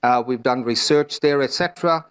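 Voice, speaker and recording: Man, Swedish accent, middle-aged, conference talk, halting, filler-heavy. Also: medium pitch, a bit bright, clear, resonant tone. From Sweden. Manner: hesitant, many fillers and restarts. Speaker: panel speaker. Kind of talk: conference presentation.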